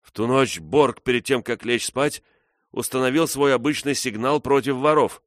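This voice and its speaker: In a read-aloud story, a man voices a frightened accused man speaking with feverish urgency. The delivery is mid-range and at normal speed, pitched above the performer's own voice yet close to an everyday one, with clean studio sound and no echo.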